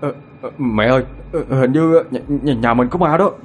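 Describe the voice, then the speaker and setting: A man's voice: medium pitch, normal speed, a little hiss or hum, voice pushed up, close to an everyday voice. A man voicing a cowardly young man who stammers and panics, in a spoken ghost story. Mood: panicky.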